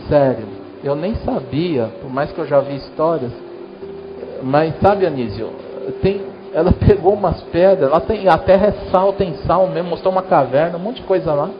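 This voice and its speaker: This is a Brazilian man, a pastor, giving a sermon in church in a relaxed, talkative manner and speaking straight to the people in the pews. His slightly high voice, accented in Brazilian Portuguese, moves at a moderate pace over music in lo-fi sound.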